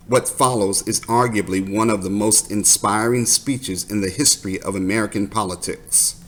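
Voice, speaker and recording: Low-pitched male documentary narrator. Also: fairly even intonation, moderate pace, fairly bright tone.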